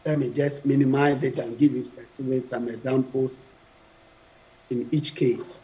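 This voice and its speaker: A man teaches a French verb lesson, slowly and repetitively drilling conjugations and quizzing the class. His voice is mid-range, mellow, and fairly flat in pitch. The classroom recording is dull and lo-fi.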